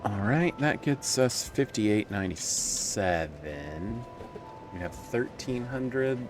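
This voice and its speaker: Slow, lively-voiced man streaming a game. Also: fairly low pitch, noisy background. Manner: joking, talks to himself, swears at enemies. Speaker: streamer playing a video game. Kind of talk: casual gameplay commentary.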